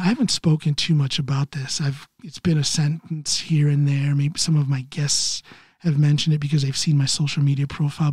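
Man in his fifties, from Ohio, husky voice, slightly high pitch, dry close sound, halting solo podcast talk. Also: mellow, no room sound. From Ohio, USA. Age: 50s. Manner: halting, frequent restarts and throat-clearing. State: recovering from neck surgery. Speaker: podcast host. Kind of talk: casual solo podcast monologue.

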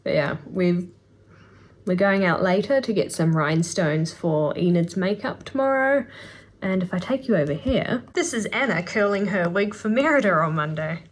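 A woman's voice: fairly low pitch, lively intonation, normal speed. A young woman from New Zealand with a New Zealand accent, chatting upbeat into a phone held at arm's length in a casual cosplay vlog. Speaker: cosplay vlogger. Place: convention halls, car and hotel room. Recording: loud music and crowd noise. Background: loud music and convention crowd.

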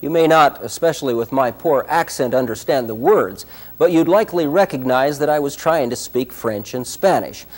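A man giving scripted documentary narration in a measured, explanatory way. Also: mid-range voice.

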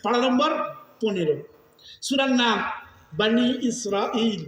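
A man preaching a storytelling sermon, animated and often shouting, calling out questions to his audience. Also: extremely high pitch, slow. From India. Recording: echoey hall, distant, dull sound.

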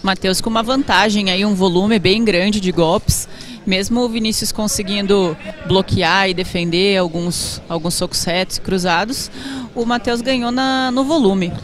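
A man's voice: sits high, moderate pace, fairly bright tone. A Brazilian man giving fight commentary as a co-commentator.

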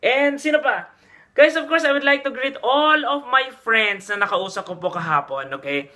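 A chatty man from the Philippines, talking straight to his viewers in a casual vlog. His voice sits high and sounds very bright and forceful, and he keeps checking in with a quick "okay?". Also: lively intonation. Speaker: vlogger giving job tips. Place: Dubai.

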